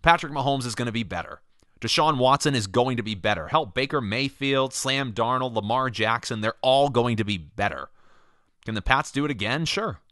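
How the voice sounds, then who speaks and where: A man's voice: mid-range voice, animated, normal speed, bright, forceful tone, dry recording, studio quality, pitched above the performer's own voice. A man playing a brash male sports talk radio host, delivering a scripted, emphatic and opinionated monologue.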